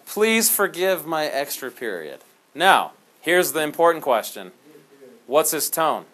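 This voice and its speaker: Animated, jokey male teacher in a classroom. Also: on the high side, a little slow. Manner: animated, jokey, dramatic storyteller. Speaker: history teacher. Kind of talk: classroom lecture.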